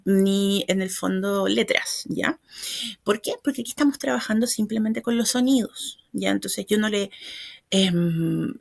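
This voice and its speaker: Woman with a gravelly voice explaining. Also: medium pitch, no echo, studio quality. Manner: explains step by step, often checking understanding with short tag questions. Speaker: educational trainer. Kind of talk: explanatory lecture.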